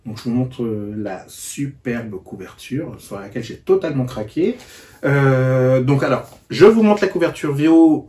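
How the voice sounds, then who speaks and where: A man's voice: medium pitch, darkish tone. A man giving a casual book-review vlog, talking hesitantly with lots of fillers and restarts. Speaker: book vlogger.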